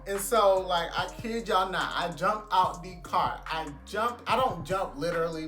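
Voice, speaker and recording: A young American man spins a casual story with slangy, dramatic delivery, acting out the quotes as he goes. His voice sits in an echoey room, with music playing behind him. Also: high voice. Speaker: storytime vlogger.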